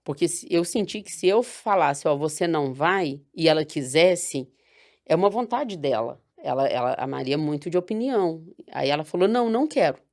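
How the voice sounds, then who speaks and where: A woman in her thirties from Brazil, speaking in a somewhat low voice. She talks softly and reflectively and often restarts her sentences, as in a casual podcast chat. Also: lively intonation, normal speed. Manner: soft, reflective storytelling with frequent restarts.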